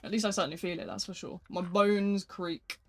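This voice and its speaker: Casually chatting on a live stream, the gaming streamer reads and answers viewer messages with little inflection. The voice is medium-pitched, brisk, and slightly rough.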